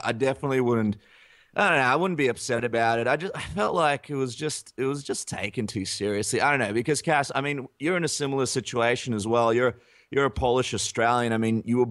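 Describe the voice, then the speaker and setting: A man's voice: medium pitch, fairly bright tone, no echo, studio quality. A man co-hosting a casual podcast chat, playful and teasing. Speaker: podcast co-host.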